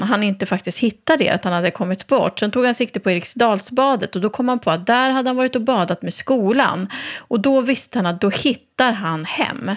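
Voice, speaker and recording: A mother from Sweden joining in quickly and chattily as she retells the family story in casual conversation. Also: medium pitch. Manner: quick, chatty, adds to her partner's story.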